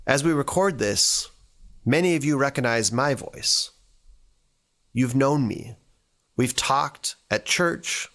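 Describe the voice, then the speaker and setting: A church staff member reads scripture and reflects on it in a devotional, speaking earnestly in short, deliberate phrases. His medium-pitched voice is expressive and a bit bright.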